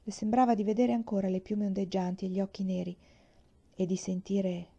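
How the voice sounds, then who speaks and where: A woman narrates an audiobook slowly and expressively. Her voice is mellow with a gravelly edge. The recording sounds dull and lo-fi. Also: mid-range voice, level tone. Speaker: reader.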